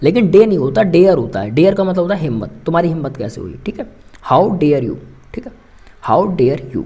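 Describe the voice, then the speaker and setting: A man teaching English phrases in Hindi, saying each phrase slowly and more than once, with frequent check-ins to his viewers. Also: a little high, very animated, dark tone, husky.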